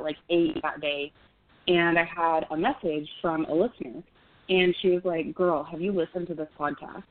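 A woman in her thirties from Oklahoma, a podcast host telling a story in casual chat, with lots of "like" fillers. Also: fairly low pitch. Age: 30s. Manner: chatty storytelling with many fillers. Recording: tinny phone-like call audio, dry.

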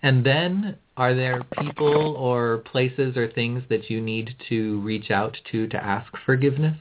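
A man hosting a tarot phone-in, giving conversational readings and advice in a measured, explanatory way. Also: a little hiss or hum. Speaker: phone-in tarot show host. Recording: muffled low-bandwidth call audio.

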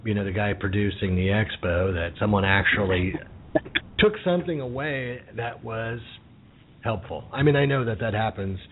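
A man's voice: lowish voice, slight background noise. A man hosting a casual podcast interview, chatty and full of "you know" fillers. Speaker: podcast host. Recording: phone-like narrow audio.

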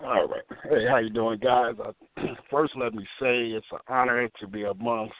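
A man's voice: medium pitch, fairly even intonation, moderate pace, no echo. A man calling into a sports talk show over the phone, rambling and repeating words as he searches for his point. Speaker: caller. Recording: tinny dry phone line.

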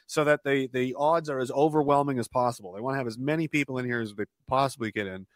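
A man's voice: mid-range voice, fast, dry recording, clean studio sound. A man talking as a podcast guest in a casual, rambling way, often restarting phrases and chuckling between thoughts. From Canada.

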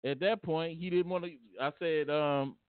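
A man's voice: fairly high pitch, fairly even intonation, normal speed, smooth, dry recording. A man telling a personal story casually and earnestly, often repeating and restarting his phrases. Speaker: vlogger. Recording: tinny phone-like dry sound.

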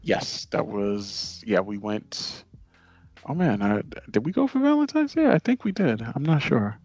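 A man co-hosting a movie review podcast, speaking in a laid-back, halting way. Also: medium pitch, big pitch swings, a little mellow, dry recording, faint music behind. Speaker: podcast co-host. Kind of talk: casual movie review chat.

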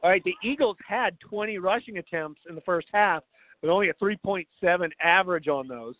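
A man's voice: high-pitched, a little fast, narrow, tinny audio. A man hosting live halftime sports commentary, running through stats and handing over to colleagues. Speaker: sports play-by-play host. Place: outdoors at a football field. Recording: thin, band-limited broadcast sound.

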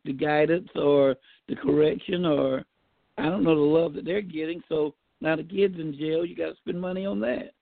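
A man co-hosting a casual faith-based talk show, laid-back and folksy, pausing often with fillers. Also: fairly high pitch, vocal fry, no echo, phone-quality sound. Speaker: podcast co-host.

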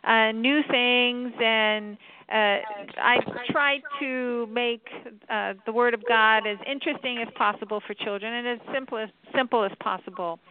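A middle-aged woman from the US Virgin Islands speaking as an interview guest over a landline phone, explaining things in a measured way. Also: on the high side. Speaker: guest, children's author and lawyer. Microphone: landline telephone. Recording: narrowband landline phone line.

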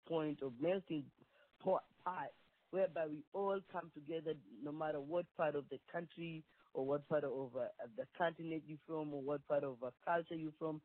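Over a tinny, dry phone line, a Kenyan-accented woman with a deep voice speaks earnestly as a performing artist being interviewed, her answers rambling and full of restarts. There's no echo.

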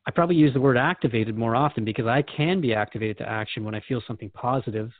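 Over a dry, narrow, telephone-style band with no room sound, a man hosts a radio conversation in a mid-range voice at a quick pace. He stays engaged and reflective, questioning and paraphrasing what he hears.

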